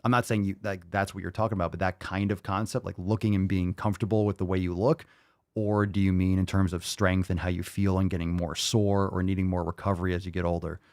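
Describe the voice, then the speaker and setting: A man in his late thirties hosting a fitness livestream, answering viewer questions in a loose, conversational way that thinks out loud with fillers and restarts. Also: sits low, level tone, quick pace, no room sound, clean studio sound. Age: 30s.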